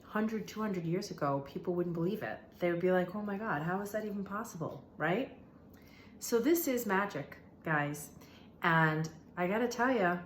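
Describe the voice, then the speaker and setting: A woman's voice sits on the low side and sounds a bit bright, with a little hiss or hum present. As host of a manifestation and meditation channel, she talks viewers through an informal spiritual explainer, conversational and emphatic, repeating phrases for emphasis, in an echoey room.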